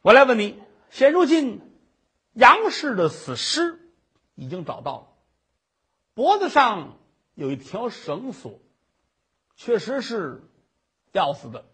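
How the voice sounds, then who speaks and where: A man's voice: high-pitched, sing-song, takes it slowly, long pauses, breathy edge, heavily acted. A male storyteller voicing a stern county magistrate who barks orders while interrogating a prisoner. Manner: barking, commanding.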